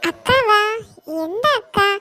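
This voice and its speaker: A woman's voice: extremely high pitch, slow pace, sharp tone, full character voice. A woman voicing a teasing, loyal college girl friend in a cartoon. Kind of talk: Tamil cartoon voice acting.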